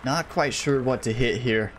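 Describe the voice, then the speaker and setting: A gaming YouTuber chats with his viewers while playing in casual let's-play commentary, his voice a little worn as he's slightly losing it. He speaks in a mid-range voice at normal speed, with slight background noise.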